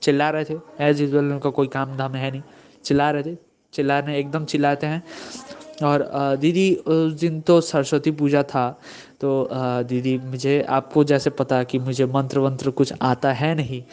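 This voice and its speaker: A young man telling a personal story in earnest, halting speech that repeats itself. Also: medium pitch, little pitch movement, darkish tone, smooth. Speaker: devotee sharing experience. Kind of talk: personal testimony.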